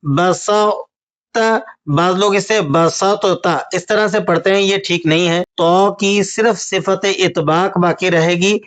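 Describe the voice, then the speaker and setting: A man teaching a tajweed lesson, patiently explaining rules and reciting examples slowly. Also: sits high, steady tone.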